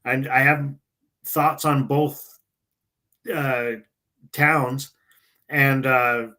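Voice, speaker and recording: A man co-hosting a casual political podcast, talking in halting phrases full of fillers. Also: mid-range voice, fairly even intonation, sharp tone. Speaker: podcast co-host.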